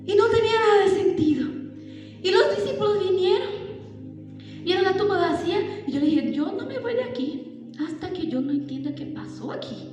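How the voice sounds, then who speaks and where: Taking on the role of Mary Magdalene, an awestruck and devoted disciple, a female preacher tells a dramatic, emotional first-person sermon full of exclamations in a large church hall at a women's congress. Her voice is very high-pitched yet darkish in tone, expressive, and at a normal speed, captured in an echoey hall with music in the background.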